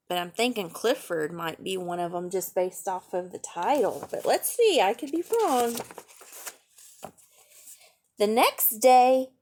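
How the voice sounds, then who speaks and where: A woman with a medium-pitched voice reads aloud to children as a storytime teacher. She gently explains things and asks questions as she goes.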